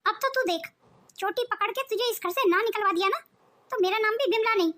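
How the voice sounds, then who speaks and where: A woman voicing a scheming, cruel older mother-in-law in an animated cartoon, with theatrical self-pity and gloating taunts. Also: extremely high pitch, a little fast. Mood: furious.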